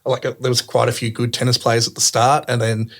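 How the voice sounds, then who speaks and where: A man hosting a casual podcast chat, relaxed and thinking aloud with many fillers. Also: mid-range voice, fairly quick. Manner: relaxed, talks through ideas with many fillers. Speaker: podcast host.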